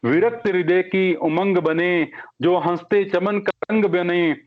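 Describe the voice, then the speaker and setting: A man reads his poem at a poetry gathering held over the phone. The call audio sounds dull and lo-fi, and his voice sits a little high. He delivers each couplet slowly and in a measured way, saying every line twice. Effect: heard over a phone or online call line. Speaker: poet reciting at an online poetry gathering. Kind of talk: slow sung-spoken Hindi poetry recitation.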